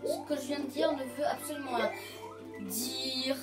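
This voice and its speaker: Jumpy woman gamer narrating her play in a roomy space, with loud game music running behind her. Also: high voice, normal speed. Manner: excitable, yelps when startled, repeats phrases to calm herself. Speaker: video game commentator. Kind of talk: casual let's-play commentary.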